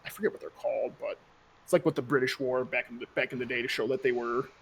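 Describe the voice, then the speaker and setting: A man's voice: mid-range voice, fairly even intonation, fast, a bit bright, breathy edge. A young man narrating as game master of a tabletop game in a loose, rambling way full of fillers.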